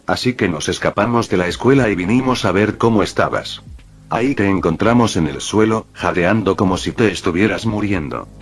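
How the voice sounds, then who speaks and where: A man voicing a blunt, sharp-tongued teenage girl in a read-aloud fan story, speaking dryly. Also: sits low, lively intonation, brisk.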